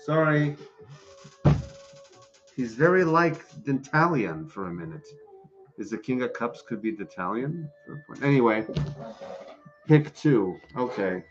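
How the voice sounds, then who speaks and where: Guy reading tarot on a live stream, chatty, mid-pitched voice, kinda dull audio with faint music. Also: very animated, slow, long pauses. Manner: chatty, reads out chat and greets viewers. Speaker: tarot reader.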